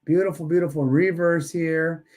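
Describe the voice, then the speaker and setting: The man running the live-stream coin auction has a somewhat high, slightly mellow voice with fairly even intonation and a normal pace. Between jokes and casual chatter, he counts down the bids.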